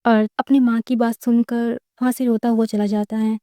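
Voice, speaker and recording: A woman storyteller reads an audiobook tale in a plain, steady way. Her voice is fairly high but flat in pitch, with a mellow tone and a dry, close sound. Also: normal speed, no echo.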